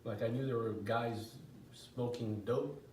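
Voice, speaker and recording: A middle-aged man speaks at medium pitch and an unhurried pace, heard from a little way off in a very echoey room with noticeable background noise. As a guest in a casual personal storytelling interview, he relates his life story, rambling, doubling back, restarting often and chuckling occasionally.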